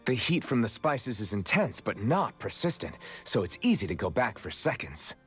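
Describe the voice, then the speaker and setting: A husky young ex-slave hero. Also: male voice, lowish voice, very animated, moderate pace, fairly bright tone, faint music behind, heavily acted. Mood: proud. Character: earnest young male freedom fighter, former slave. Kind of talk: game character dialogue.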